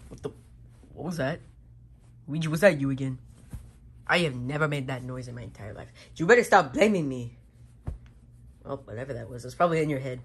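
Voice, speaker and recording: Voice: mid-range voice, expressive, fairly quick, pauses often, slight background noise, natural voice. A performer voicing Mario as a sleepy grown man who is easily spooked and who bickers and complains, in a homemade comedy skit with toys. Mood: puzzled.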